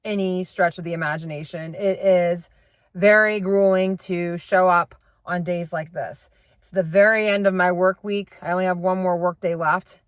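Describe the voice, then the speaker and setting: A woman's voice: lowish voice, a bit bright, no echo. A woman talking casually as a running vlogger about her day. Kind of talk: casual vlog talk.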